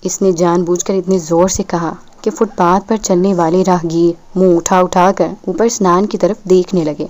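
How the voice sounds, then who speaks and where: A woman with a fairly low-pitched voice narrates a novel as an audiobook, reading in a steady, measured way.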